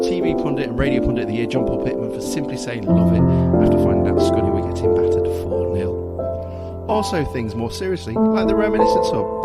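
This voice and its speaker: English male podcast host, easygoing and self-mocking, loud music underneath. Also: mid-range voice. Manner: swears casually, laughs often, self-mocking. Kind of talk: casual podcast chat with a read presentation segment.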